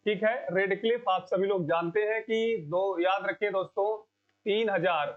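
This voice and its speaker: A high-pitched man delivers an exam-prep lecture, going over each answer and then asking the class to repeat it back. The recording sounds dull and lo-fi. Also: fairly even intonation, moderate pace. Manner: repeats key answers, asks the class questions. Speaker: coaching teacher.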